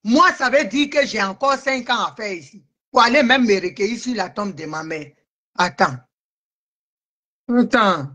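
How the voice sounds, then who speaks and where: A woman delivers a heated live-stream rant in a bright, forceful voice. She is agitated, repeats herself and answers commenters by name. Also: fairly high pitch, animated, a little slow. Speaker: livestream host.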